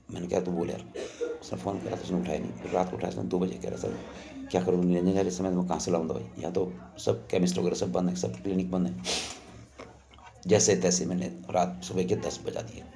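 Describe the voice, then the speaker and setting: An older man with a low, gravelly, warm voice casually recounts a personal memory. His telling rambles conversationally, and he often acts out what others said.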